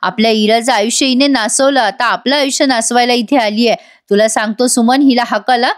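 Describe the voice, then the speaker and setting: A woman's voice: fairly high pitch, fairly even intonation, fairly quick, lightly acted. Woman doing a harsh domineering man. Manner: scolding, insulting.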